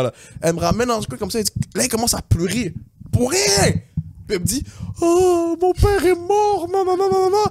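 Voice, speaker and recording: Young guy on a podcast, rapid animated storytelling, slightly high voice, tosses in english slang. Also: no room sound, clean studio sound. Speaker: podcast host. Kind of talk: casual storytelling.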